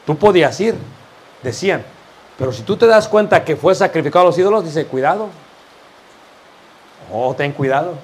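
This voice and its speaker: A man's voice: on the high side, lively intonation, moderate pace, long pauses, husky. A man preaching a sermon, firing rhetorical questions at his congregation and addressing them as brothers.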